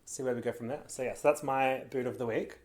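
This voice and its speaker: A woman with an unusually deep, low-pitched voice. She co-hosts a casual podcast and tells her stories in a chatty, rambling way. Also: fairly even intonation, fast talker, a little mellow. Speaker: co-host.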